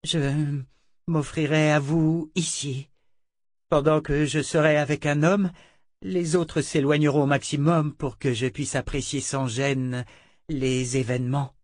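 A man's voice: a little high, flat delivery, unhurried, no room sound, studio quality, pitched above the performer's own voice, lightly acted. A man reading an audiobook and voicing a young woman captive who coaxes and persuades while hiding her fear. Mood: persuasive.

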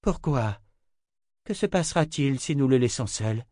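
Guy doing a no-nonsense sorceress lady, a bit higher, dry read. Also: expressive, a little slow, a little mellow, no echo, close to an everyday voice. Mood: firm. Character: female sorceress, direct and determined.

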